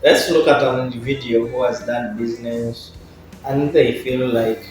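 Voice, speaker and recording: A man's voice: mid-range voice, steady tone, a little slow, darkish tone, a little hiss or hum. A man hosting an interview, putting questions to his guest in a conversational way. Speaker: interviewer, host. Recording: very echoey room, music in mix.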